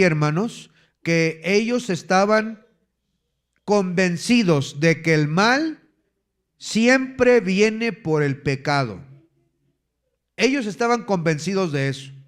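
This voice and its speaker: A man with an Ecuadorian Spanish accent preaching a sermon, teaching verse by verse and dictating numbered points for the congregation to write down. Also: high voice. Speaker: pastor.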